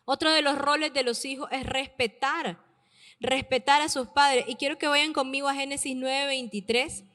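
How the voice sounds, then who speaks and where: Female preacher, high pitch, emphatic and repetitive delivery, long hall reverb. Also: steady tone, bright, forceful tone. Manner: emphatic, repeats key words slowly for stress. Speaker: preacher addressing youth and parents. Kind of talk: sermon.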